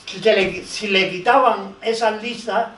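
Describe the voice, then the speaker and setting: A man's voice: high-pitched, fairly even intonation, a little slow, fairly bright tone. An older man on a conference panel, telling anecdotes and quoting dialogue as he speaks. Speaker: lawyer and researcher speaking on a panel. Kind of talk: conference talk. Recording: echoey hall, distant mic.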